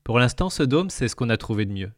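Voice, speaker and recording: A man voicing a confident young woman on a spaceship crew, lively and welcoming. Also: medium pitch, quick pace, no room sound, studio quality, voice pushed up, natural voice. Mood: showing around.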